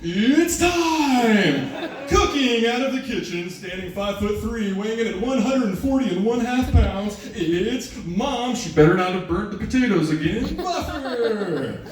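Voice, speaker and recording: Echoey distant room, male comic as grandiose male ring announcer, high-pitched hype, drawn-out stand-up parody. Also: expressive. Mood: bombastic hype. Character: booming, bombastic male fight-night ring announcer.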